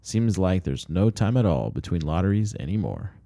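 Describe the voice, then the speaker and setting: A man voicing a folksy, good-natured middle-aged village housewife in a storybook, with drawn-out delivery. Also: sits low, big pitch swings, vocal fry, dark tone, no room sound, clean studio sound, exaggerated voice. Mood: chatty.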